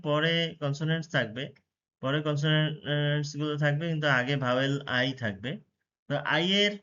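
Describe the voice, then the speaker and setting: A man teaching English phonics, slowly sounding out letters and syllables one by one. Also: a little high, fairly bright tone. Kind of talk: spelling and pronunciation drill. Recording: dull, lo-fi voice recording.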